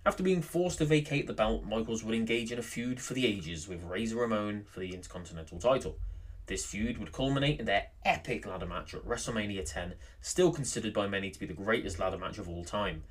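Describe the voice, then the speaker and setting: A man hosting a scripted top ten countdown, narrating emphatically with deliberate pauses for stress. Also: fairly low pitch, expressive.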